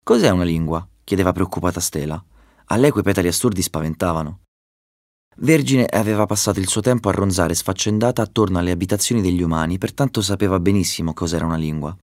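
A man narrating a storybook chapter in a calm, measured reading. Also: low-pitched, dry recording, studio quality. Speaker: audiobook narrator.

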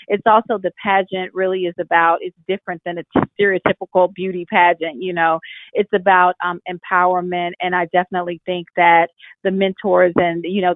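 A young woman film director from Fort Worth, Texas, talks reflectively with many fillers during an interview conducted over a phone line. Her voice is lowish, and the recording is dry and tinny.

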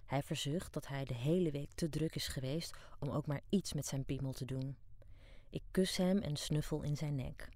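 A woman's voice: sits low, moderate pace, mellow, dry recording, clean studio sound. A middle-aged woman from Amsterdam narrating her own diary as an audiobook, frank, wry and down-to-earth. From Amsterdam, Netherlands. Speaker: narrator and author.

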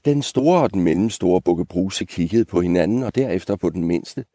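A man reading a fairy tale aloud in an expressive storytelling manner. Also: deep voice, dry recording, clean studio sound.

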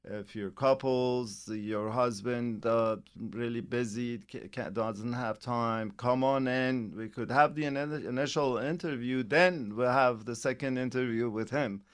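A man's voice: medium pitch, steady tone, a little slow, few pauses, smooth. A middle-aged man hosting a financial radio show, chatting casually and rambling with many restarts.

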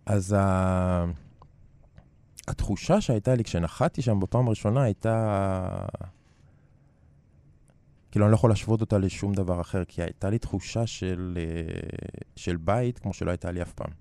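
A middle-aged man talks in a low, mellow voice, his Hebrew coloured by a French accent. He is reflective and hesitant, leaving long gaps as he looks for the right word in an interview. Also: no echo. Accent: French-tinged Hebrew. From Israel. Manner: hesitant, searching for words with long pauses. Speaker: interview guest, artist.

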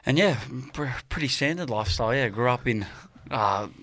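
A man's voice: mid-range voice, lively intonation, brisk, fairly bright tone. A man in his late twenties with an Australian accent, chatting casually as a podcast guest and rambling through his stories, often repeating words. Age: 20s. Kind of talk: casual chat.

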